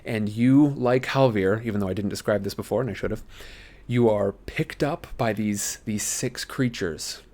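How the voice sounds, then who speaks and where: A man's voice: on the low side, moderate pace, mellow. A man running a tabletop game as game master, improvising narration and thinking aloud hesitantly for his chat.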